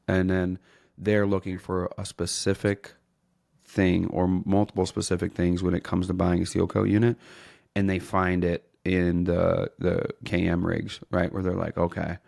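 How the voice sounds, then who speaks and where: A male podcast host with a deep, gravelly voice that stays fairly flat in pitch. He talks bluntly and casually, and he is not shy about swearing. His voice sounds close and dry. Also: no room sound.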